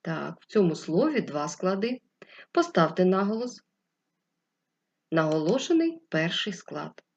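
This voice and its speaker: Slow, patient husky woman teacher. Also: on the low side, sing-song, dull audio. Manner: slow, clear, patient teacher's speech to children. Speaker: first-grade teacher. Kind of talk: distance-learning literacy lesson.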